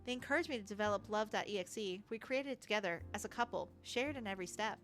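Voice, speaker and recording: A woman's voice: mid-range voice, a bit bright, faint music behind, natural voice. Woman voicing a heartbroken robot villain. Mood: wistful. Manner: halting, formal, mournful. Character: heartbroken self-aware robot villain, genderless.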